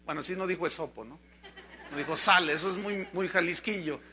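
A man preaching a sermon as pastor, telling a fable with animated storytelling. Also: a little high, fairly quick, a little hiss or hum.

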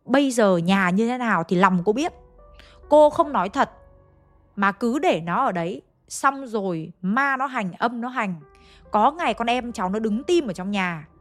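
A woman's voice: a little high, animated, moderate pace, faint music behind, lightly acted. Brief: woman playing a husband, firm polite warning, plain voice. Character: worried husband warning firmly, polite but insistent.

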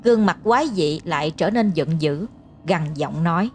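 Brief: female narrator for a ghost story, even and steady, faint music underneath. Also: sits low, normal speed.

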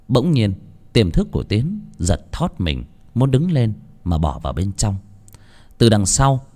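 A man narrating a serialized novel in an expressive, dramatic storytelling manner. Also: lowish voice. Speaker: audiobook narrator. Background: faint background music.

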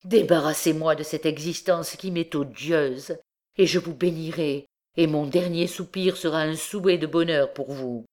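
A woman's voice: sits low, moderate pace, darkish tone, close to an everyday voice. A woman reading an audiobook, voicing an anguished young man who pleads in a shaky voice. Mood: despairing.

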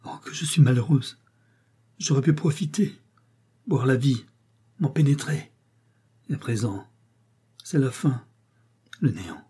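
A man's voice: mid-range voice, lively intonation, measured pace, long pauses, mellow, husky. A man voicing a frightened young female ghost in an audiobook reading, pleading urgently and falling to a breathless whisper. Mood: despairing whisper.

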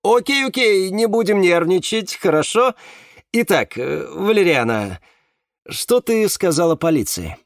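A man reading a novel aloud, voicing an evasive man on a speakerphone who keeps trying to calm everyone down. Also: high-pitched, measured pace, creaky, no room sound, studio quality, voice pushed up, heavily acted. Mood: placating. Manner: placating.

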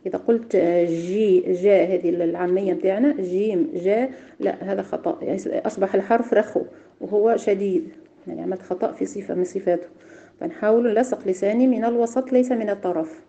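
A woman's voice: medium pitch, fairly even intonation, gravelly, warm tone, dull audio. Tunisian woman teaching letter pronunciation. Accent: Tunisian Arabic. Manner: demonstrates letter sounds slowly, repeats and corrects. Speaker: Quran recitation teacher. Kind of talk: phonetics lesson.

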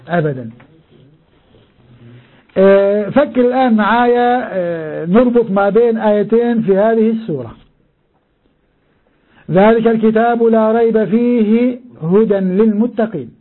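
An older man gives a classroom lesson on scripture, and his voice sits high for a man. His tone is husky and a little rough. The sound is thin and boxy, like an old phone line. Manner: explanatory, addresses students directly, repeats key words. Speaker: Quran interpreter and teacher. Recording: muffled phone-like lo-fi recording.

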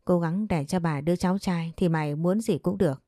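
A woman storyteller voices a bossy middle-aged mistress of the house, barking orders in a low, mellow voice. The recording is dry and close. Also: brisk, dry recording, natural voice. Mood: commanding.

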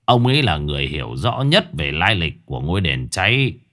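A man voicing a gruff, blunt older village man who scolds and lectures. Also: low voice, very animated, brisk, sharp tone, pitched below the performer's own voice, exaggerated voice. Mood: gruff lecturing. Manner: rough, scolding, calls listeners "chúng mày".

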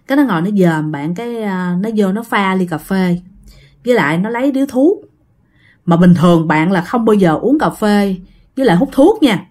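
A woman's voice: medium pitch, animated, normal speed, a little mellow. A woman telling a ghost story in a chatty way, often addressing her listeners directly. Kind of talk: casual ghost-story narration.

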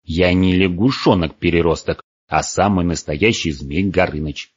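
A man's voice: sits low, animated, a little mellow, husky. Man doing a sulky clumsy dragon. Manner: sulky, drawn-out. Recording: dull, dry lo-fi recording.

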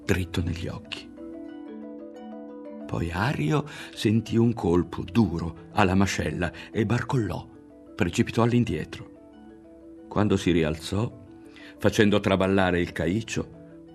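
A man reading a literary novel aloud in a measured, quietly dramatic way, close to the mic. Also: deep voice. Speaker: audiobook reader.

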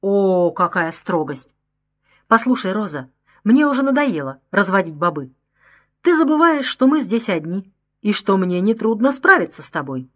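A woman's voice: medium pitch, big pitch swings, moderate pace. A woman voicing a menacing escaped convict, a grown man, in an audiobook; her tone is mocking and threatening. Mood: enraged. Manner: mocking, then roaring with rage. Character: menacing middle-aged male escaped convict, sneering.

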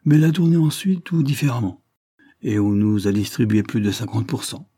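A man voicing a frank, hearty retired colonel, older, in an audiobook reading, with an emphatic, lively delivery. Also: medium pitch, fairly quick, breathy edge, dry recording, studio quality.

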